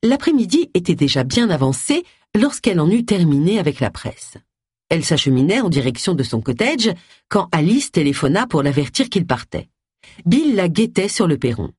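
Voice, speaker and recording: An audiobook reader giving expressive scripted narration close to the mic. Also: medium pitch, normal speed, slightly rough, dry recording. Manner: expressive storytelling.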